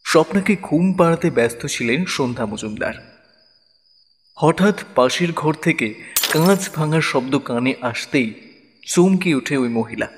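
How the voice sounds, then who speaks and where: A man narrating an audio drama in a measured storytelling manner. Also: mid-range voice, long reverb tail.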